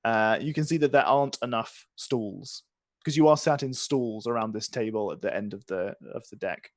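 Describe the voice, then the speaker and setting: A man's voice: lowish voice, normal speed, dry recording, studio quality. A man working as game master, narrating a tabletop game in a conversational, descriptive way as he improvises.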